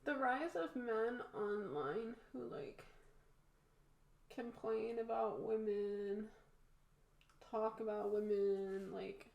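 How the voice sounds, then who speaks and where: A woman's voice: a little high, takes it slowly, creaky, pauses often, highs cut off. A woman with a blocked-nose sound talking in an informal, rambling, candid way, as in a casual makeup tutorial. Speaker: makeup vlogger. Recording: roomy echo.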